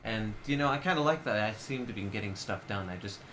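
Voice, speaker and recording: A man's voice: on the low side, lively intonation, quick pace, a bit bright, slight background noise. A man co-hosting a casual chat, rambling and stumbling over his words. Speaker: co-host, writer.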